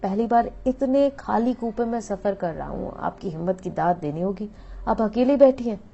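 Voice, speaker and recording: A woman's voice: medium pitch, expressive, normal speed, gravelly, mellow, a little hiss or hum. A woman voicing a friendly, chatty young male medical student in a storybook reading. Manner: chatty, teasing, then earnest. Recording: dull lo-fi audio with faint music.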